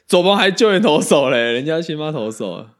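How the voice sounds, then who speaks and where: A man, co-hosting a casual baseball podcast, animated and quick to laugh and swear. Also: a little high. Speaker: podcast co-host.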